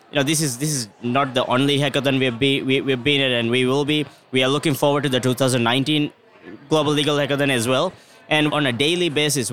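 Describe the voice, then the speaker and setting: A man who manages technology operations, answering interview questions in an earnest, steady way with fillers. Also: mid-range voice.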